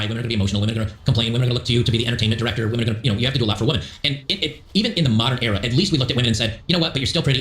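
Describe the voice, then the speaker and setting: A man's voice: medium pitch, fairly bright tone. A man hosting a casual stream talk, delivering a rambling opinionated rant full of acted-out quotes. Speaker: show host. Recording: roomy echo.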